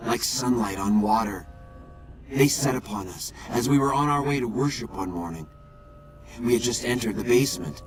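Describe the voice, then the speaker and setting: A man acts out a serene ghoul prophet from a video game, addressing his flock with devout gravity. His mid-pitched speech is measured and formal, with music playing clearly behind it. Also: lightly acted, rough recording. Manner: solemn, measured, formal preacher-like phrasing. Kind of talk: video game character dialogue.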